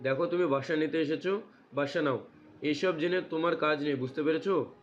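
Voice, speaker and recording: Audio-drama dad: man playing middle-aged, curt, doubtful, slightly high voice, lo-fi sound. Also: a little fast, natural voice. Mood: guarded. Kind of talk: scripted audio story acting. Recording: muffled, dull audio.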